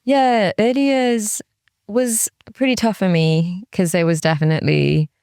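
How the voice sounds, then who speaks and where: Speaking a little slowly in a smooth, darkish mid-range voice with fairly even intonation, a woman from Cardiff, Wales, reflects candidly and seriously as an interview guest. She works as a music industry executive and often quotes her own thoughts, sprinkling in "like." The recording is dry and studio quality.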